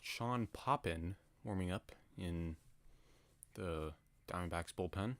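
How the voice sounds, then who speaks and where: Low-voiced guy doing baseball play-by-play from home, chill and chatty between pitches. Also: slow pace, no room sound. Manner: relaxed, chatty asides between calls. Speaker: play-by-play announcer. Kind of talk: casual solo baseball commentary.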